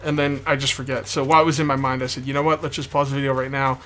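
This man hosts a let's play series, and his racing, medium-pitched voice has a fairly bright tone and little pitch movement. He rambles casually about the game, says things more than once, and nurses a sore, bitten tongue as he talks, with game sounds and background noise in the mix.

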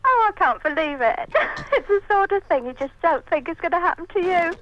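A woman's voice: very high-pitched, lively intonation, a little fast, background noise. A woman talking politely on a telephone line, hedging her words with frequent "I mean". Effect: heard over a telephone line. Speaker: prank call target. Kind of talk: casual phone conversation.

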